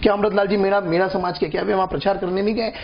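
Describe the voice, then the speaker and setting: A man's voice: high-pitched, level tone, very fast. A man speaking as a party spokesman in a heated TV political debate, talking over his opponents and repeating his points. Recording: dull lo-fi broadcast audio.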